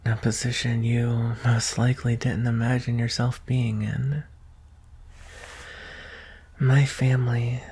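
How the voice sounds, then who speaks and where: Voicing a gentle, vulnerable young alien prince for an ASMR roleplay, a man uses an exaggerated, medium-pitched voice that's soft, breathy and frequently whispered. His delivery is earnest and hesitant, slow with long pauses, in the style of soft, intimate acting.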